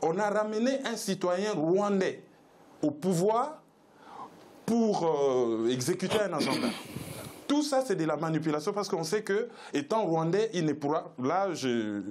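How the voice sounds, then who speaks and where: A man with a high, sing-song voice and a darkish tone speaks a little slowly as a guest on a political panel. He argues emphatically and rhetorically, hammering his points home through repetition in this debate commentary.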